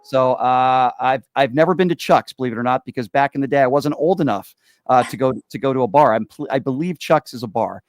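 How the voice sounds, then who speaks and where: A man's voice: medium pitch, a little fast, no room sound, studio quality. A man in his forties from Connecticut, hosting a casual chat show and rambling with fillers and repeated yeps. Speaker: show host.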